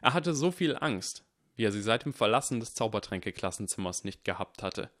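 A man reading an audiobook in an even, measured way. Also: fairly low pitch. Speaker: audiobook reader. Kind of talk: scripted audiobook narration.

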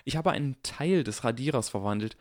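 A man voicing a clever, excitable young schoolboy wizard in an audiobook, eager and lecturing. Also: mid-range voice, a little fast, no room sound, clean studio sound, voice pushed up, lightly acted. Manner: eager, lecturing, barely restrained. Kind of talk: audiobook character voice.

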